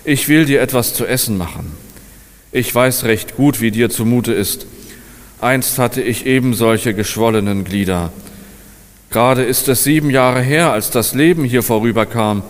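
A man voicing a kind, grateful man offering shelter in a fairy tale, speaking gently and eagerly. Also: mid-range voice, normal speed, close to an everyday voice. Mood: kindly. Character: kind grateful man, once swollen-limbed, warm host. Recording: long hall reverb.

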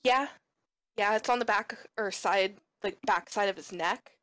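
A woman narrating a tabletop game as its game master, taking her time over each description. Her pace is unhurried and deliberate, and her voice sits dry and close to the mic. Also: medium pitch, pushed and bright, no room sound, rough recording.

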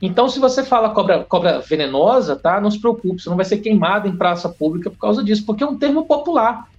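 A Brazilian biologist, a man, talking as a podcast guest in an animated, slangy, emphatic way. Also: sits high, fast talker. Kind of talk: casual podcast chat. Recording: dull lo-fi audio with faint music.

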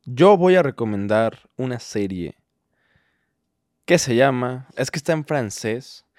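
A man's voice: mid-range voice, expressive, a little slow, darkish tone, dry recording. Young mexican dude rambling about a show with his friend, jokey, dry close sound. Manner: rambling, jokey, mock-defensive. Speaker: podcast co-host. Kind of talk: casual chat.

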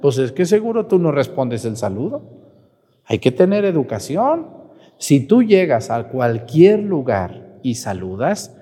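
A man's voice: mid-range voice, very animated, a little slow, warm tone, in a large hall. A man with a Mexican Spanish accent, a priest giving a folksy, scolding sermon and mimicking his parishioners.

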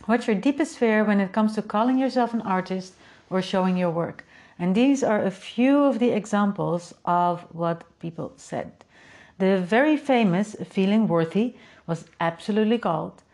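A woman with a Dutch accent, a native speaker of Dutch, uses a slightly mellow mid-range voice with lively intonation and an unhurried pace. As an artist and host of a creative community, she gives a reflective solo talk to its members, thoughtful, full of rhetorical questions and "right?".

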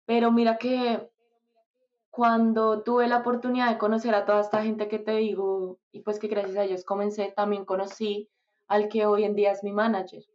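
A woman, a guest in a casual interview, speaking softly and hesitantly with many fillers. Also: mid-range voice, flat delivery, normal speed, dull audio. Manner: soft-spoken, hesitant, fillers.

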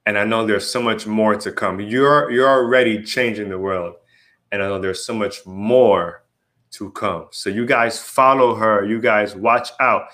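Speaking a little slowly in a lowish, slightly bright voice with fairly even intonation, a man runs his podcast. His casual, playful hype style is sprinkled with "right?" and "you know what I mean".

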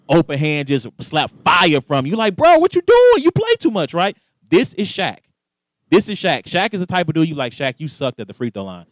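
A man's voice: mid-range voice, no echo. A man hosting a casual sports talk show, telling stories with lots of energy and acting out the lines he quotes. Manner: animated storyteller, acts out quoted voices.

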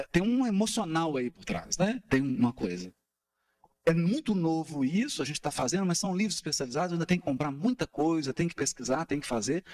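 Lively high-voiced man explaining. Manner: animated, asks rhetorical questions, taps out rhythms. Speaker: study group speaker. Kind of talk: explanatory talk on gospel study.

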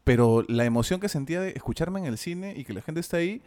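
A man, a voice actor and teacher chatting in a relaxed way. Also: on the high side, fast, no room sound. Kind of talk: casual chat.

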